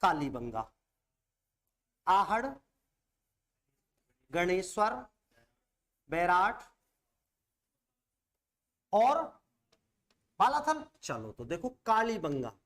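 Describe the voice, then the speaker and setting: A man's voice: high voice, sing-song, very slow, pauses often, fairly bright tone. A male teacher giving an online exam-prep coaching lecture, chatty and always checking in with students through rhetorical questions.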